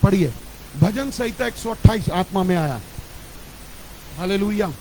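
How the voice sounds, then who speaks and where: A man's voice: sits high, lively intonation, moderate pace, darkish tone, a little hiss or hum, low-quality recording. A man preaching a sermon as pastor at a church service, leading the congregation in repeated declarations. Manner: repetitive call-and-response declarations.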